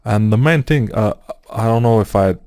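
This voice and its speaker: A non-native English speaker with a Bulgarian accent narrates a screen-recorded 3D modeling tutorial while he works, thinking aloud with hesitant fillers. His lowish voice is a little mellow and moves at normal speed, captured as clean studio sound with no echo.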